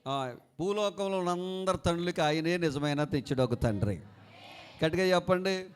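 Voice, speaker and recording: A fervent pastor with a high, ringing voice. He preaches with urgency, has his listeners repeat after him, and keeps asking them whether they follow along. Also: animated, normal speed, a little hiss or hum. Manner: fervent preaching, leading a congregation in call-and-response and shouted prayer; asks listeners questions and tells homely stories. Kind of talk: sermon.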